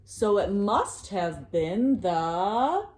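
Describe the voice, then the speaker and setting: In a mid-range voice, she reads to young children from a picture book, her delivery sing-song and expressive, with pauses that prompt her audience.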